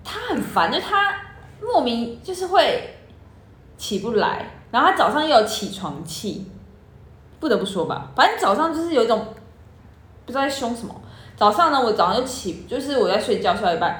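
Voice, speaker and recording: A woman's voice: fairly high pitch, fairly quick. A young woman, co-hosting a casual podcast and telling stories with lots of laughter. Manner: animated storytelling, often laughing. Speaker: podcast co-host. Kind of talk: casual chat. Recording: echoey room.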